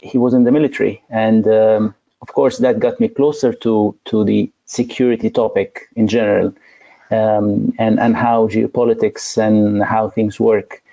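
A man from Egypt with a low, gravelly, dark-toned voice, answering as an interview guest. He speaks thoughtfully, pausing often and filling gaps. The audio sounds dull and lo-fi, like a remote call. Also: flat delivery. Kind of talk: interview conversation.

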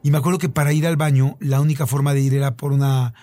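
A man's voice: medium pitch, little pitch movement, quick pace, mellow, dry recording. A man with a Mexican accent telling a long story in casual chat, with many fillers and repeats.

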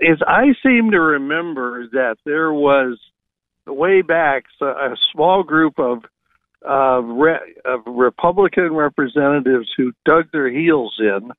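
A man calling a radio show from his car, chatting haltingly as he gropes for words. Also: a little high, no room sound. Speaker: radio call-in listener. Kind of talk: unscripted phone-in chat. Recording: narrow tinny phone line.

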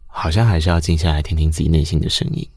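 A man's voice: a bass voice, fairly even intonation, rapid-fire, a little mellow, breathy edge, no echo, studio quality. A man with a Taiwanese Mandarin accent, hosting a reflective conversational interview in an earnest, confiding way. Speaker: interviewer, podcast host.

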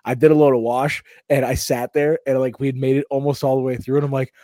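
A man on a podcast, chatting casually and telling rambling, animated stories. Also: mid-range voice, fast talker, dry recording, studio quality. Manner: rambling, animated storytelling with put-on voices. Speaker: podcast host. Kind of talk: casual chat.

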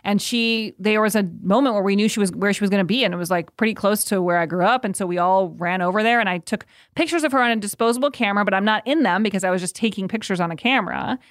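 A woman's voice: mid-range voice, quick pace, hardly any pauses, dry recording, studio quality. A woman from the United States, a podcast guest, chatting casually in a rambling, filler-heavy way and laughing easily. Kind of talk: casual chat.

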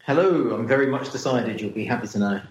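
A man guesting on a podcast over a remote link, making quick dry jokes from his dining room with a strong room echo. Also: medium pitch. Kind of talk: casual remote chat. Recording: echoey, muffled remote audio with faint noise.

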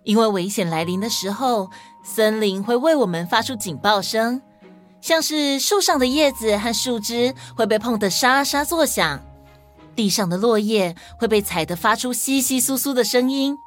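A woman storyteller voicing a gentle, caring mother deer who patiently teaches her fawn. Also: on the high side, lively intonation, normal speed, faint music behind, natural voice. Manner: patient, instructing.

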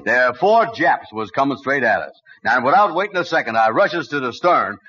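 An actor playing a dim, bluffing would-be sailor with a hesitant, folksy, ungrammatical way of talking in 1940s radio comedy. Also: male voice, mid-range voice, very animated, moderate pace, close to an everyday voice. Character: bluffing, dim-witted man passing as a sailor. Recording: noisy muffled 1940s radio recording.

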